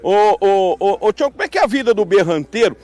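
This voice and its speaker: A man reporting live outdoors from a farm fair, joking and teasing his guests with quick questions. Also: high voice, animated, darkish tone. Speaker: field reporter and host.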